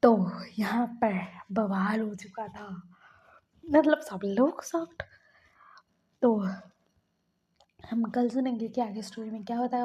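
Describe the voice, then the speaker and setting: A woman narrates a fan-fiction story in a relaxed, chatty way, her voice a little raw from a sore throat. Her pitch sits somewhat high, but the tone is soft and mellow rather than bright. She sounds fond of her characters and turns often to speak to her listeners. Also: husky. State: hoarse throat.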